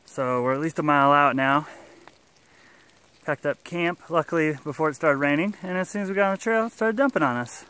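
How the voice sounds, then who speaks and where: A man in his thirties vlogs while hiking a long forest trail, holding the camera at arm's length and chatting in an upbeat, on-the-move way. His voice is fairly high, sharp, clear and resonant, and he talks fairly quickly.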